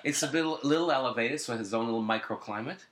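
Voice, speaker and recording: A man's voice: medium pitch, very fast, heavy background noise. A man chatting casually and comically as a podcast co-host. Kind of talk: casual comedic chat.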